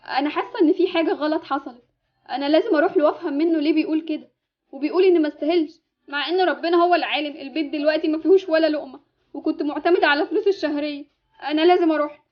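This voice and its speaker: A woman's voice: high-pitched, racing, highs cut off, natural voice. A woman with an Egyptian accent playing a loving, humble mother in an amateur game animation. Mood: worried. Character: loving, grateful, poor mother.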